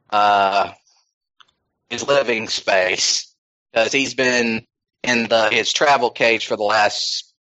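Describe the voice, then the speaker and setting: In a casual podcast chat, a man with a fairly low, fairly bright voice rambles along, full of ums and restarts. The lo-fi recording sounds slightly dull.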